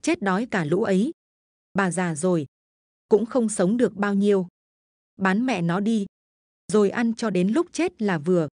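A woman's voice: medium pitch, a little slow, pauses often, darkish tone, no echo, close to an everyday voice. A crude, greedy village man sneers and mocks his old mother, as a woman storyteller puts him on. The voice is dry and close to the mic. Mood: sneering. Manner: sneering, mocking.

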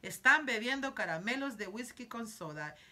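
A woman reading aloud as an eccentric, cheerful male candy-factory owner who shows things off quickly and excitedly. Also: fairly high pitch. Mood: eager.

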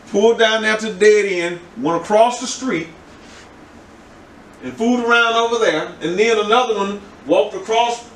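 Older pastor, loose conversational sermon, slightly high voice, echoey church picked up from a distance. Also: male voice, slight background noise. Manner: rambling, conversational preaching with repeated words and laughs. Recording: echoey room, from the mic.

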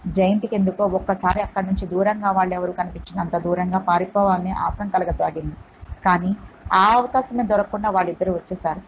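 A woman's voice: fairly low pitch, steady tone, a little fast, slight background noise, rough recording. Woman narrating a novel. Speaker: audiobook narrator. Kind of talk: reading a novel aloud.

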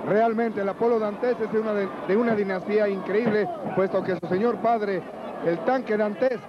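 High-pitched Mexican colour commentator at the arena. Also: male voice, fairly even intonation, moderate pace, background noise. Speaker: lucha libre colour commentator. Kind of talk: conversational live sports commentary. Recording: muffled old TV tape, arena crowd.

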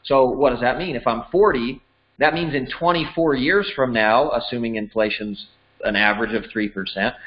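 Male finance teacher in his forties, mid-pitched, plain conversational delivery, slightly dull lo-fi recording. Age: 40s. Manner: plain, conversational, works through numbers step by step. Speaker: financial educator. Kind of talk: explanatory lesson over slides. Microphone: voice-over.

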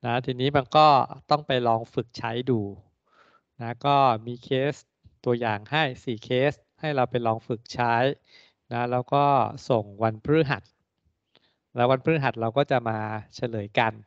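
A man teaching an online engineering class. He talks steadily and ends many phrases with a soft particle. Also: medium pitch, steady tone, unhurried, clean tone, dry recording. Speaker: university engineering lecturer. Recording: dry, lo-fi call audio.

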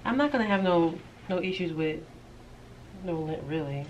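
A woman's voice: on the low side, animated, moderate pace, lo-fi sound, slight background noise. A woman co-hosting a thrift video, chatting casually and joking while packing orders. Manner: joking, laughing, swears casually. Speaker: co-host of a thrift channel.

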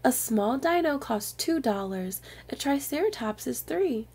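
An unhurried woman reads a picture book to young children, speaking to them directly like an expressive storyteller. Her voice is fairly high and very soft-edged, with a mellow, clearly breathy tone.

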